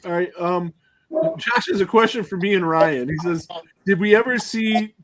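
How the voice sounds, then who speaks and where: A man's voice: high voice, normal speed, fairly bright tone. A man hosting a podcast, chatting loosely and reading out listener questions. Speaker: podcast host. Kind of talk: casual chat.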